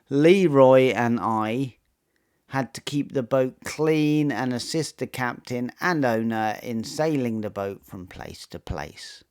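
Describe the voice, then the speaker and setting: A man narrating a true personal story in a measured, matter-of-fact scripted way. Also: mid-range voice, a little mellow, clear, resonant tone.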